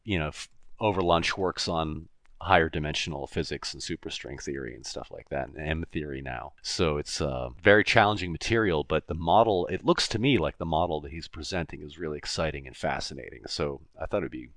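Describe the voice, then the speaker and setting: A man's voice: very deep voice, fairly quick, fairly bright tone, dry recording, studio quality. A man co-hosting a podcast, explaining ideas in a casual, thinking-aloud way and laughing easily. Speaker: podcast co-host.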